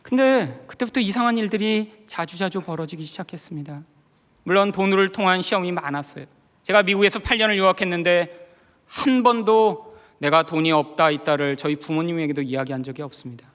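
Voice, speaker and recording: A middle-aged pastor with a high, bright, ringing voice tells his own story from the pulpit. He drops to a hush, then climbs into loud, emotional outbursts. A long reverb from the large sanctuary trails each phrase. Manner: softly sings a hymn's lines slowly. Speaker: guest pastor. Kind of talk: sermon with personal testimony.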